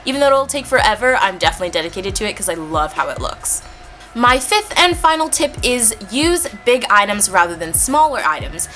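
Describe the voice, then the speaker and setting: A young woman in college talks through her tips in a chatty, upbeat vlog style, full of little fillers. Her voice is bright and forward, with faint music playing underneath. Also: mid-range voice, big pitch swings, brisk. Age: young adult. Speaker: college student vlogger. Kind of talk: casual advice vlog.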